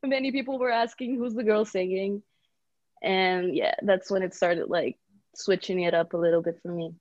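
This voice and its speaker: A woman's voice: mid-range voice, steady tone, moderate pace, darkish tone, dry recording, lo-fi sound. A young woman who grew up in Brazil, a singer-songwriter guest chatting casually on a podcast and laughing often. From Bulgaria, raised in Brazil.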